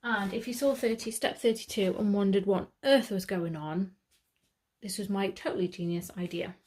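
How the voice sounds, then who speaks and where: With a medium-pitched, slightly mellow voice at normal speed, a British woman leads a step-by-step sewing tutorial. She chats casually, thinks out loud, and fixes her own slips as she goes.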